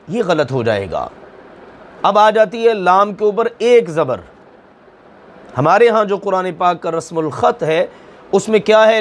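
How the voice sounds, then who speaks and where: Male Quran teacher, high-pitched, slow and methodical; asks his own questions, then drawls out the examples. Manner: slow, deliberate explaining, asking and answering his own questions; draws out recited examples syllable by syllable. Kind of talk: recorded tajweed lesson.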